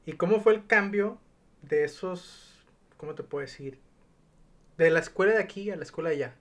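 Young male podcast host, Nayarit Mexican accent, higher voice, relaxed interviewer. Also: normal speed. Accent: Nayarit Mexican Spanish. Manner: relaxed, friendly questioning with fillers. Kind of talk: casual chat.

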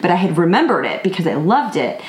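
A woman's voice: lowish voice, very animated, quick pace, roomy sound, poor audio. A woman in her thirties co-hosting a casual parenting podcast, reading quotes aloud and laughing often. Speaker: podcast co-host. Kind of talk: casual chat.

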